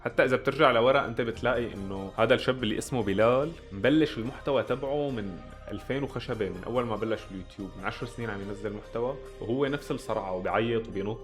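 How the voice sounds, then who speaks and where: A man's voice: medium pitch, very fast, soft background music. A young man with a Levantine Arabic accent, giving blunt, sarcastic reaction commentary. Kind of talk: casual commentary.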